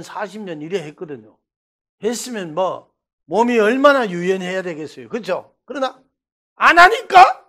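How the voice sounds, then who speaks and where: High-voiced Gyeongsang-accented pastor preaching. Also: male voice. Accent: Gyeongsang Korean. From Daegu, South Korea. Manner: animated storytelling, swinging between loud bursts and hushed asides. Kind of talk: revival sermon.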